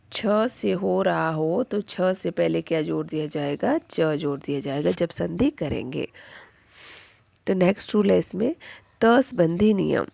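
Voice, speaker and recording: A woman's voice: lowish voice, vocal fry, a little mellow, no echo. A woman teacher explaining grammar rules step by step, asking the class questions and answering them herself. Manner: repeats each rule as a question, then answers it. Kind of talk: Hindi grammar lesson.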